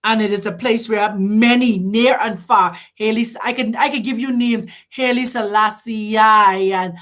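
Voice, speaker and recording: A woman's voice: a little high, fairly even intonation, measured pace, a bit bright. A woman hosting, giving an impassioned spiritual address full of rhetorical questions and urgent appeals to her listeners. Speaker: host.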